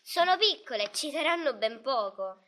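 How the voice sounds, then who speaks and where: A woman voicing a poor, warm-hearted shoemaker's wife in a storybook reading, in a lively, playful way. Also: high-pitched, normal speed, heavily acted.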